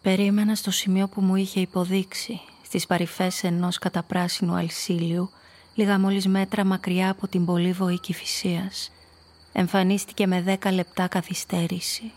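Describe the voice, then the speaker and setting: A somewhat mellow, low-leaning female voice with flat delivery plays a fearful blackmailer in a scripted radio play. Telling her own story intimately and confessionally in the first person, the actress sounds tense and measured.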